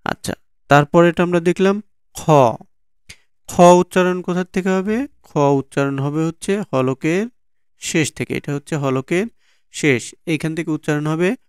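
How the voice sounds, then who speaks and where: A man's voice: fairly high pitch, a little slow, pauses often, clean tone, dry recording, clean studio sound. A Bangladeshi man teaching Quran letter pronunciation from slides, patiently repeating each sound many times. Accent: Bangladeshi Bengali. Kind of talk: slow slide-based lesson on letter pronunciation.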